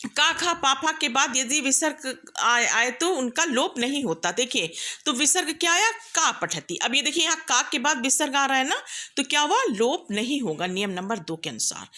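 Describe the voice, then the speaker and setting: A woman's voice: high voice, big pitch swings, normal speed, bright, forceful tone. A middle-aged woman teaching a class, explaining patiently and often checking that her students follow. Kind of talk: classroom lecture.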